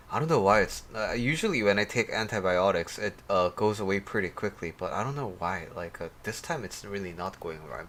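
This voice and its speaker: A life coach hosts a casual livestream, his low, slightly bright voice a little off because of a sore throat. He rambles with many pauses and addresses viewers by name, and there's a bit of hiss or hum in the audio.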